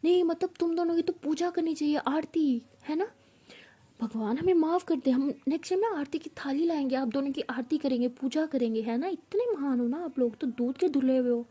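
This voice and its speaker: A woman's voice: high-pitched, brisk, warm tone, husky. A woman voicing a hot-tempered young female senior student who talks in a sarcastic, explosive way.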